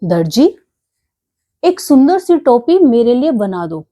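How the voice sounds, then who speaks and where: A cheeky, hot-tempered little rat from a children's storybook, voiced by a woman. He speaks high and bossy, boasting about himself and drawing out his threats slowly in a sing-song. The tone stays soft and mellow. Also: sing-song, full character voice.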